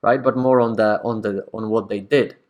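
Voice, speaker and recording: A man's voice: lowish voice, steady tone, moderate pace, a little mellow. A man teaching academic writing in a casual, conversational way, often checking in with the listener. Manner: conversational, checks in with frequent "right?".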